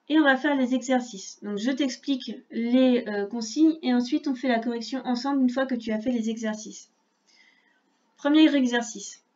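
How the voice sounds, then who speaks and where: A woman teaching a reading lesson to young children, speaking slowly and clearly and spelling out sounds patiently. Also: a little high, darkish tone, muffled recording. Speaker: primary school teacher.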